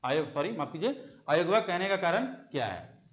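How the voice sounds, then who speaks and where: A man's voice: on the high side, very animated, moderate pace, lo-fi sound. A young man teaching an exam-prep Hindi grammar lesson. He asks the class questions, answers them himself and repeats the key terms.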